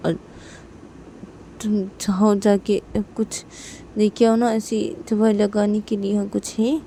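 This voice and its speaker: Woman voicing a soft, soothing mother; gentle, pleading. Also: mid-range voice, little pitch movement, takes it slowly, a little hiss or hum.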